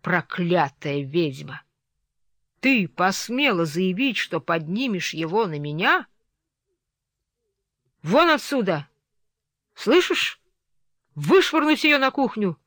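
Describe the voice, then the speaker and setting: A reader voicing a harsh, furious middle-aged master of the house who shouts threats, in a storybook reading. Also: medium pitch, very animated, slow pace, long pauses, dry recording, studio quality, full character voice.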